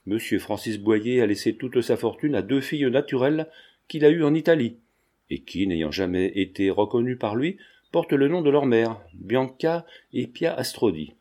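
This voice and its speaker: A man voicing a polite, formal middle-aged notary who speaks in a measured, precise way. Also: medium pitch, lively intonation, mellow, lightly acted.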